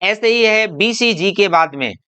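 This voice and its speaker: An Indian-accented male teacher explains his lesson in a bright, forceful voice with a crisp, clean tone. He reads out example words one by one in a slow, deliberate drill. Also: high voice, expressive. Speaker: English teacher. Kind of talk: classroom-style lesson.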